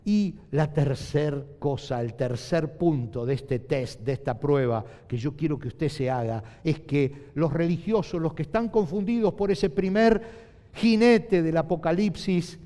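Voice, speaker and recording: A middle-aged male pastor preaching a sermon, emphatic, repeating key phrases and slowing down to stress them. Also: fairly high pitch, warm tone. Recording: long hall reverb.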